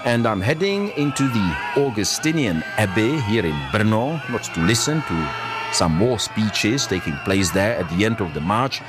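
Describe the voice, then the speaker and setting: A man as reporter, giving scripted news narration in a measured tone. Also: lowish voice, very animated, noisy background.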